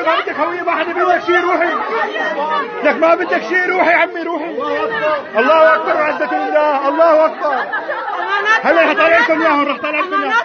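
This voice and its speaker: A man with a Syrian Arabic accent, shouting urgent repeated commands to people around him. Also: very high voice, heavy background noise. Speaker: man freeing detainees. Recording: lo-fi phone video amid loud crowd.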